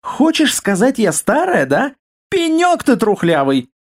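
A man reading an audiobook, voicing a fiery older woman, a retired sniper who scolds her husband in a sharp, hissing way. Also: high-pitched, big pitch swings, normal speed, pitched above the performer's own voice, exaggerated voice. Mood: scolding. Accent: foreign accent when irritated.

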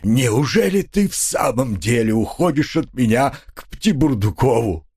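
A man voicing a self-pitying, melodramatic husband who whines through his nose in a drawn-out, declaiming way. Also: medium pitch, lively intonation, a little mellow, husky. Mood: pleading. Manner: drawn-out nasal whining, declaiming in verse. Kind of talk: audiobook character voice.

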